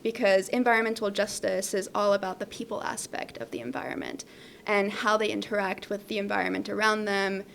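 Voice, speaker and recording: Gravelly young woman telling her story. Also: mid-range voice, brisk, slight background noise. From Iran. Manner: relaxed, chatty storytelling. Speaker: guest, data scientist. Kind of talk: casual interview answers.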